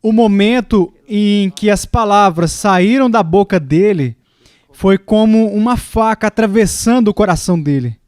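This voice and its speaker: A man's voice: unhurried, a little mellow, clear, resonant tone, dry recording, studio quality. A man preaching a sermon, telling stories and acting out what people say. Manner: storytelling with acted quotes, rising pitch in the quoted lines.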